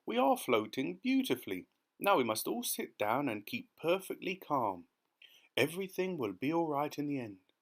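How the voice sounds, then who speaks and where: A man's voice: medium pitch, wildly swooping pitch, moderate pace, voice pushed up. Old male grasshopper, played by a man: kindly, courteous, reassuring storybook optimist.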